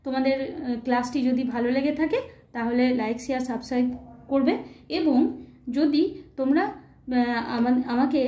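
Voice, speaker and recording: A woman's voice: sits high, warm tone, echoey room. A woman teacher explaining a grammar lesson patiently, step by step, often checking that students follow. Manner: patient, step-by-step, often asks "ঠিক আছে?".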